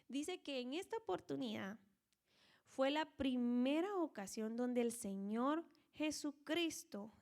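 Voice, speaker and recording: Higher-voiced woman teaching scripture conversationally. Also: a little mellow. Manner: conversational, frequent tag questions; dramatizes scripture characters. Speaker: Bible teacher. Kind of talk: online Bible study teaching.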